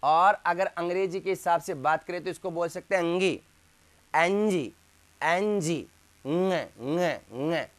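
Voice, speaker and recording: In a classroom lesson on Hindi grammar, a man with a high, slightly bright voice slowly drills letter sounds one at a time. He asks questions and then answers them himself.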